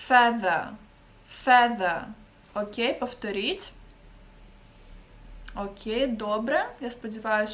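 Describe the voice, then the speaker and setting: A woman teaching an online English pronunciation lesson, patiently demonstrating sounds slowly and checking in with the learners. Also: fairly high pitch, fairly bright tone, slight background noise.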